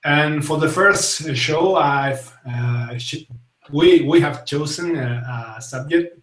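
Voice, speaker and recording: A man's voice: on the high side, slow, fairly bright tone, recorded from a distance. A young man from Spain with a Spanish accent, hosting a casual live-streamed talk show and talking hesitantly, with many fillers and restarts. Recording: echoey room, voice set back from the mic.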